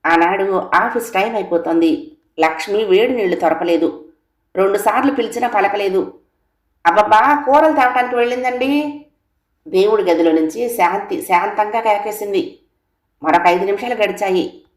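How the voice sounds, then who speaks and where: A woman storyteller reading a story aloud in a steady, even way. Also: mid-range voice, moderate pace. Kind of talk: storybook narration. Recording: roomy echo.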